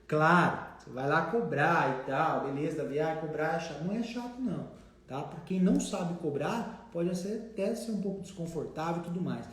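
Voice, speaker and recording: Animated Brazilian man, very echoey room. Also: fairly high pitch, moderate pace. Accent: Brazilian Portuguese. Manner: animated, acts out debtor's voices. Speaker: debt collection trainer. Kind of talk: casual instructive talk.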